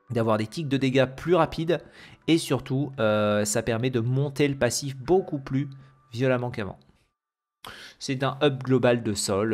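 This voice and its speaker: A man hosting a gaming video, casually commenting on patch notes with many fillers and self-corrections, reading English terms with a heavy French accent. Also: medium pitch.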